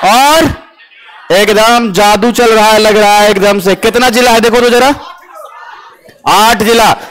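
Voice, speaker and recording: A man's voice: high-pitched, a bit bright, rough recording. A man teaching a classroom lesson with memory tricks, asking his students questions and answering them himself.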